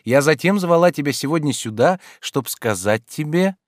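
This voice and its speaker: A man voicing a playful, teasing young woman in an audiobook, lively and capricious. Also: a little high, normal speed, no echo, clean studio sound, voice pushed up, close to an everyday voice. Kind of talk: audiobook character reading.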